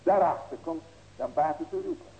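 A man's voice: fairly high pitch, wildly swooping pitch, moderate pace, muffled recording. A man in his sixties preaching as a pastor, earnest and folksy, with rhetorical questions and emphatic ringing cries. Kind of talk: sermon.

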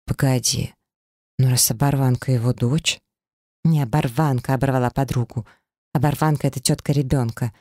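Laid-back best friend, read by a narrator, unhurried, dry studio sound. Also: female voice, rumbling low, fairly even intonation, warm tone, dry recording. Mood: calm. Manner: lazy, unhurried. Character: lazy, calm young woman, best friend.

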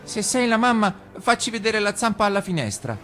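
Frightened little goat kids. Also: male voice, very animated, fairly quick, fairly bright tone, faint music behind. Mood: shrill, alarmed. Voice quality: piercing high squeal. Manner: shrill, frantic, scolding. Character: terrified shrill little male goat kids.

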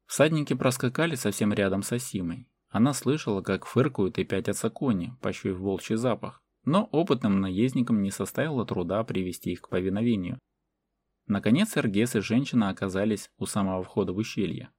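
A man reading a fantasy novel as audiobook narration in a measured way. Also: on the low side, a little mellow, husky. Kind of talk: scripted narration.

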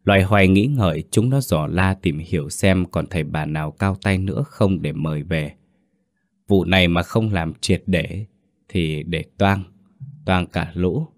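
A man narrating a ghost story in a steady, soft-spoken way. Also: deep voice, a little slow.

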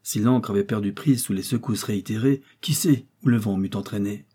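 A learned explorer, voiced by a male reader, talks in a measured, composed manner. The voice is mellow and a little husky. He is a character in a classic adventure audiobook. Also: on the low side. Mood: grave.

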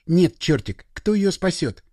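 A composed, serious girl of about ten who speaks quietly and steadily, played by a man reading a storybook. The voice sits fairly high. The recording is dry and close. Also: a little slow, dry recording. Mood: insistent. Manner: calm, serious.

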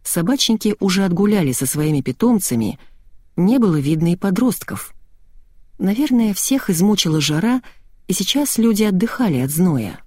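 A woman narrating a novel in the first person, telling the story in a lively, expressive way on a close microphone. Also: lowish voice, normal speed, dry recording. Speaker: audiobook narrator.

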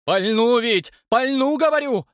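A man voicing a scrawny, terrified old male night watchman with a thin, husky voice and a panicky shriek. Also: extremely high pitch, lively intonation, a little slow, no echo, studio quality, pitched above the performer's own voice. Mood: frightened. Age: older.

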